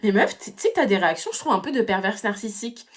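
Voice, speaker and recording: A young woman talks her way through comic sketches, chatty and sarcastic, with fillers everywhere. Her voice sits at an ordinary middle pitch. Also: animated, fast. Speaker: comedy skit creator. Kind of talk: comedic sketch monologue playing all parts.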